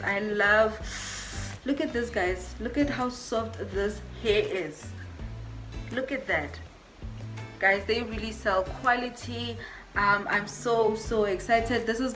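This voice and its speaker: Excited woman unboxing a wig, keeps saying you guys, roomy echo and soft music behind. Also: on the high side. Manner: gushing, repeats herself, says "you guys" often. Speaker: hair vlogger.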